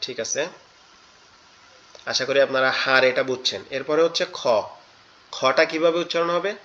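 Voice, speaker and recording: A man's voice: mid-range voice, normal speed, muffled recording, background noise. A man teaching Quran recitation in an online class, patiently repeating each letter sound and explaining where it is formed. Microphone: online class audio.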